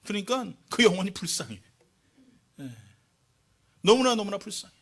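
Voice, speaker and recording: A male pastor preaching a sermon to his congregation, swinging between loud exhortation and quiet, drawn-out lines. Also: high-pitched, very animated. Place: church sanctuary.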